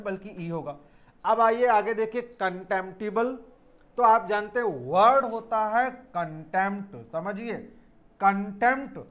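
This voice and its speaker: A man's voice: sits high, highs cut off. A man teaching an English spelling lesson for exam students, explaining step by step, spelling words out letter by letter and calling his students children.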